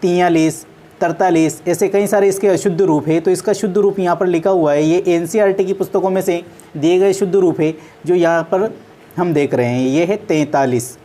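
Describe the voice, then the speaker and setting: A woman's voice: lowish voice, normal speed, warm tone. A woman teaching a maths class on video, patiently going through number names one at a time and correcting common mistakes.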